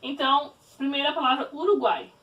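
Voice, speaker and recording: A woman teacher giving a grammar lesson, spelling words out slowly and patiently. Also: sits high, fairly even intonation, a bit bright, distant mic. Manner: slow, spelled-out explaining.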